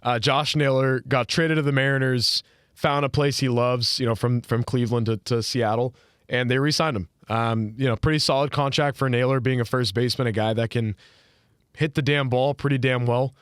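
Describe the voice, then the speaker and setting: A man hosts a casual sports podcast and talks in a loose, rambling way full of fillers and restarts. His voice sits at a middling pitch. The sound is dry and close, with no room around it. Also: fairly even intonation, normal speed, clean tone, no echo. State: hiccuping. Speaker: podcast host.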